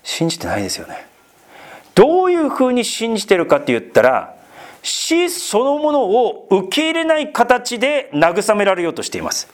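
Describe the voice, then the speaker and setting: A man's voice: very high-pitched, normal speed. A man preaching an expository Bible sermon, talking to his listeners with questions and asides. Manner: lively, rising and falling delivery with asides to listeners. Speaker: pastor.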